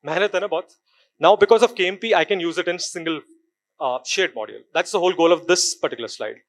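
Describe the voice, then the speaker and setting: A man's voice: sits high, rapid-fire. A man with an Indian English accent giving a live technical conference talk, quizzing the audience and slipping into Hindi. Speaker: conference speaker. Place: conference hall stage.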